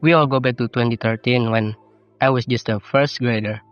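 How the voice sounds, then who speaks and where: A teenage Indonesian male YouTuber speaks English as a second language with an Indonesian accent, giving reflective, self-deprecating personal narration. His mid-range voice has a steady tone at normal speed, the audio sounds dull, and game soundtrack music plays behind him.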